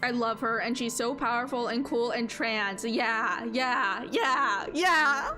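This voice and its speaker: A woman with a fairly high voice reacts live to a game she is streaming. She is openly emotional and gushes expressively, with music playing clearly behind her. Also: slow. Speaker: streamer playing a visual novel. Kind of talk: live game playthrough, reading dialogue aloud and reacting.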